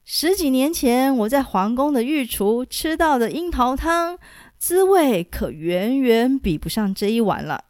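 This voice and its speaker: A jovial old beggar with a big appetite, hearty and boisterous in a storybook reading, as a woman puts him on. The voice sits a little high and loud, with a slow, unhurried delivery. The sound is close and dry. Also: big pitch swings, dry recording.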